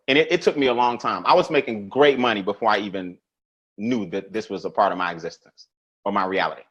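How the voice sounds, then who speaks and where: A man hosting a live money webinar, greeting viewers by name and telling stories in a casual, animated way. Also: mid-range voice, highs cut off. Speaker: webinar host.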